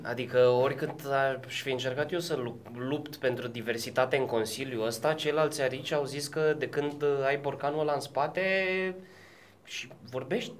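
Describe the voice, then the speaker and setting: A man's voice: mid-range voice, fairly even intonation, a little hiss or hum, lightly acted. A man playing a stern hedgehog councilman. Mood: curt. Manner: blunt, dismissive, officious. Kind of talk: improvised comedy sketch. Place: podcast studio.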